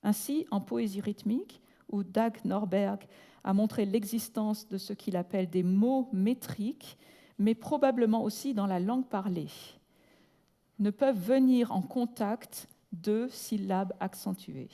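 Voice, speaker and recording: A woman delivers a prepared academic lecture in a large hall, her mellow, darker voice carrying a long reverb tail. She reads in a measured, deliberate way and slows right down to spell out technical terms. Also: mid-range voice, gravelly. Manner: breaks off with brief asides in English. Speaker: conference speaker.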